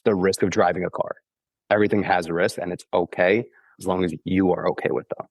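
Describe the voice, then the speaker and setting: On a casual explanatory podcast, a congested man still recovering from the flu walks through running injuries with patience, frequently asking "okay?". He speaks low and steady, a little fast, and the recording has no room sound.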